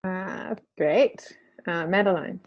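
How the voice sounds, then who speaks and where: A woman's voice: lowish voice, slow pace, no echo, lo-fi sound. A woman with a New Zealand accent leading an online class call, speaking informally and calling on people by name. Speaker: course facilitator. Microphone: video call.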